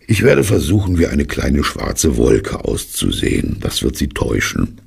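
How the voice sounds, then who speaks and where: A man voicing a slow, ponderous bear. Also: a bass voice, wildly swooping pitch, a little mellow, exaggerated voice. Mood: pondering. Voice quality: gravelly, husky. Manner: slow, earnest musing. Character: slow, thoughtful, naive honey-loving male bear. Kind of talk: audiobook character reading.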